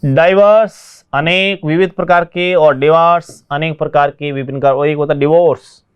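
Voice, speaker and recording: Guy giving an english vocab lesson, bit high pitched, really clean voice, says each word pair twice. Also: fairly even intonation, clear, resonant tone, lo-fi sound. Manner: repeats word pairs slowly, switches between English and Hindi. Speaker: English teacher.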